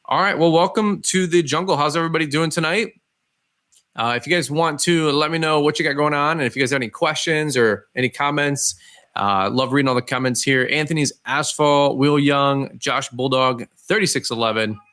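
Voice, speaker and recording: Bright-voiced man chatting on a live stream. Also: a little high, fairly quick. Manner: informal, addressing listeners directly. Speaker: podcast host. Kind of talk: casual live-stream chat. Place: live stream with a cat nearby.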